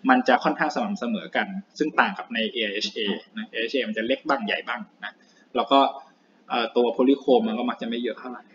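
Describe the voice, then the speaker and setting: Male lecturer, casual and chatty with lots of fillers, mid-pitched voice, dull lo-fi recording with light background hiss. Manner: relaxed, chatty, with many filler particles and restarts.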